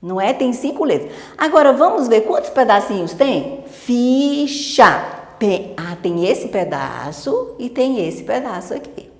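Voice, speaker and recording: In an online teacher-training lesson, a woman patiently explains a literacy lesson step by step, checking in with her listeners. Her voice is on the high side, very animated and a little mellow at a normal speed, recorded in an echoey room with long reverb.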